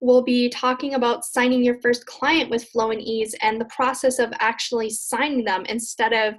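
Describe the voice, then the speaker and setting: A woman with a somewhat high voice coaches listeners through a casual webinar. She talks in an earnest, chatty way, looping back over her points in loose, repetitive phrases. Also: level tone, moderate pace. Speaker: business coach presenting a webinar.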